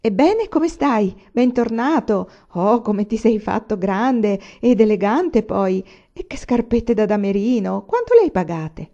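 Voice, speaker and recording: A woman's voice: medium pitch, sing-song, unhurried, few pauses, mellow, dull audio. A woman reading an audiobook, voicing an effusive, nosy male townsman who gushes over a returning student. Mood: gushing. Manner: gushing, nosy.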